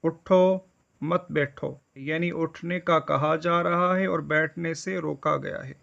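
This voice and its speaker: Male Islamic studies teacher, measured explainer, gravelly and a bit higher pitched, dull lo-fi recording. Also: steady tone, pushed and bright. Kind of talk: explanatory religious lesson.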